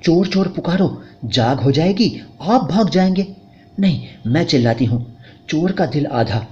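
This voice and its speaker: A man's voice: a little high, animated, moderate pace, darkish tone, voice pushed up, natural voice. A man voicing a bold, stubborn young wife who talks back sharply, in a dull lo-fi recording. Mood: defiant.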